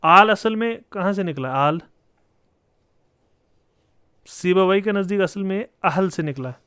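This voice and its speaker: A man's voice: high voice, bright, forceful tone, clean tone, no room sound, studio quality. A man giving a classroom lecture on Arabic grammar, explaining step by step and posing rhetorical questions to his students. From Kashmir.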